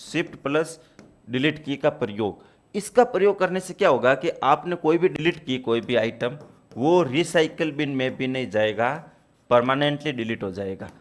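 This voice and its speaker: A man's voice: mid-range voice, expressive, normal speed. A man teaching a computer exam-prep class, explaining step by step and repeating key points to his students.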